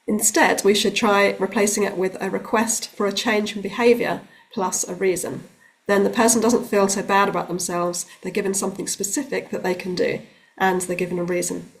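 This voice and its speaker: A woman working as a relationships coach, giving calm, explanatory advice straight to the camera with the odd um. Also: mid-range voice, brisk. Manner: calm, explanatory, with occasional ums. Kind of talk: direct-to-camera advice talk.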